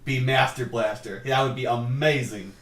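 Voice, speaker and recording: A man's voice: mid-range voice, fairly even intonation, normal speed, fairly bright tone. A man co-hosting a casual chat podcast, opinionated and joking. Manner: opinionated, joking, slips into silly put-on voices. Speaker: podcast co-host. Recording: echoey room, mic far off, faint hiss.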